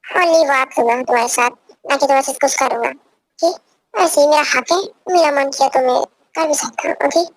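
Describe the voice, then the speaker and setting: Young woman doing a possessive husband in a fan dub, barks orders over and over, highish voice, dry. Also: a little fast, no room sound. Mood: insistent. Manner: commanding, repeats orders.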